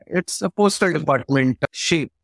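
A man's voice: fairly high pitch, unhurried, creaky, a bit bright, no room sound, studio quality. A man with an Indian accent explaining his work step by step in an interview, in articulate conversational speech. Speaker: company founder being interviewed.

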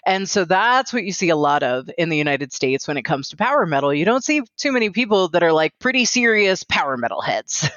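A woman's voice: on the low side, big pitch swings, a little fast, fairly bright tone, no echo. A woman in her forties hosting a solo podcast, talking in a chatty, candid way full of fillers. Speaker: podcast host. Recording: dry, slightly dull lo-fi sound.

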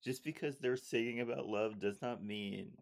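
A man's voice: mid-range voice, moderate pace, gravelly. A man co-hosting a podcast, joking and giving emphatic advice to listeners. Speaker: podcast co-host. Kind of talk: casual movie recap chat.

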